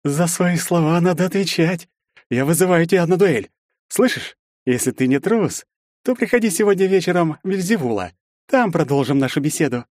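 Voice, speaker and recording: A man voicing an arrogant young male aristocrat who bullies and taunts, hissing and mocking, rising to a shrill pitch when outraged. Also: sing-song, fairly quick, few pauses, darkish tone, no echo, clean studio sound. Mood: taunting.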